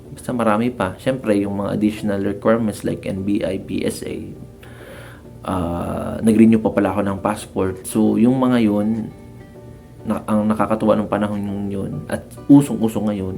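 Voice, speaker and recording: Filipino guy vlogging, low gravelly voice, chatty, faint music behind. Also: mellow. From Philippines. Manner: chatty, acts out dialogue in raised voices, frequent laughs. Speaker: vlogger sharing work-abroad experience. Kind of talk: casual storytelling to viewers.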